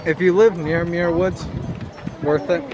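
A young man with a slightly raised voice delivers deadpan wisecracks in casual chat outside. Clear outdoor noise surrounds him on a friend's handheld camera. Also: fairly high pitch, measured pace, muffled recording. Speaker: friend on the trip. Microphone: vlogger's handheld camera.

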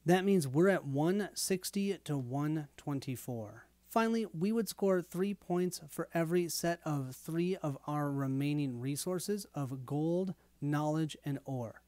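A man talks through a tabletop game in a casual, explanatory way as host of a playthrough. His voice sits a little high and sounds hoarse and tired. The recording is dry, with very little room sound. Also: a little mellow, no room sound. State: tired late at night. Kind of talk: casual tabletop gameplay walkthrough.

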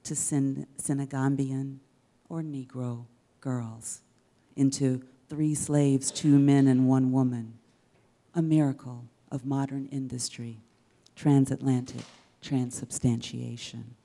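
Reading poetry at an event, a middle-aged woman stands at a close stage microphone in a dim theater. She speaks in a low, mellow tone at an unhurried, measured pace, with little rise or fall in pitch. Her spoken-word delivery carries dramatic, rhetorical force and purposeful pauses.

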